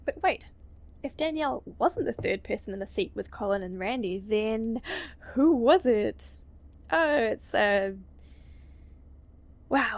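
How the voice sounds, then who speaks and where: A woman with a voice on the high side reads a visual novel aloud for a let's play, giggling and tossing in quick, casual asides, some of them profane.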